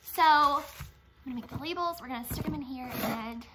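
A woman's voice: high voice, a little fast, heavy background noise. A woman in her twenties, a small business owner, chatting casually to her phone camera with lots of "like" and "um", first in a car and then in a small warehouse office. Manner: chatty, filler-heavy, frequent "like" and "um". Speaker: gift box business owner. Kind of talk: casual vlog chat. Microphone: phone camera held at arm's length.

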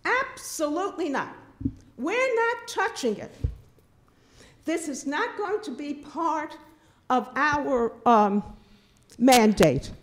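A woman's voice: sits high, animated, slow, long pauses. An older woman giving an indignant, emphatic public comment at a town board meeting, speaking into a podium microphone in a meeting room. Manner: indignant, emphatic, repeats herself. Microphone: podium microphone, filmed from a distant camera.

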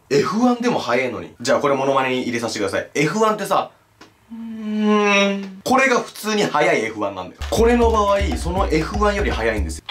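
A young man hosting a casual comedy video, joking and complaining with quick swings in his voice. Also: mid-range voice, a bit bright. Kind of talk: casual comedic chat with impressions.

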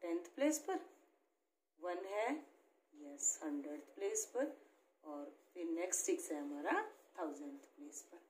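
A woman's voice: fairly low pitch, big pitch swings, a little slow, long pauses, a little mellow. A woman teacher explaining math step by step, often checking in with her pupils. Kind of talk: classroom-style math lesson. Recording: echoey room with faint background noise.

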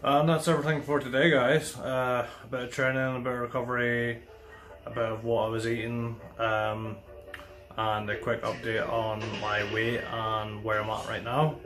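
A man's voice: medium pitch, level tone, moderate pace, a bit bright, faint music behind. A young man talks casually to camera in a home fitness vlog, easygoing and plain-spoken, with frequent fillers. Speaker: fitness vlogger. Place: home, garage gym and living room.

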